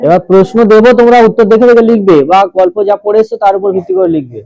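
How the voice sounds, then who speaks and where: A man's voice: sits high, sing-song, racing, creaky, warm tone, highs cut off. A male teacher leading a classroom grammar lesson, explaining step by step and putting questions to the class.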